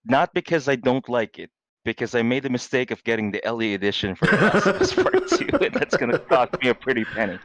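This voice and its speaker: Lively joking podcast guy. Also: mid-range voice, fast talker, no echo, poor audio. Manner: joking, laughs often. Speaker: podcast co-host. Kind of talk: casual chat.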